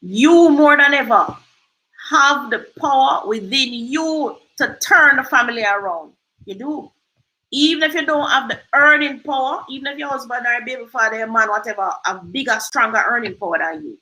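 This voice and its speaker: A woman's voice: fairly high pitch, moderate pace, sharp tone, poor audio. A Jamaican woman hosting a livestream, giving emphatic motivational advice and slipping into patois. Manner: emphatic, preachy, switches into patois. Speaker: host.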